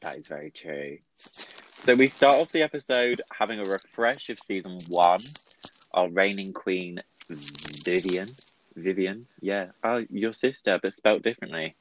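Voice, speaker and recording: A man's voice: low-pitched, expressive, normal speed, background noise. A man hosting a casual chat, laughing often and poking fun at himself. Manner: chatty, laughing, self-deprecating. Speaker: podcast host.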